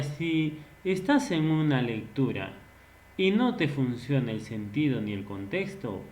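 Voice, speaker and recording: A man teaching a recorded online language lesson, patiently explaining and asking rhetorical questions, now and then acting out example phrases. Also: medium pitch. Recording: echoey room.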